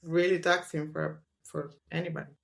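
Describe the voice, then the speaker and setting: This podcast guest, a scientist, has a deep, gravelly voice with fairly even intonation and a moderate pace. She's a native Spanish speaker talking in English during a relaxed book club chat, sounding thoughtful and hesitant and frequently letting sentences trail away.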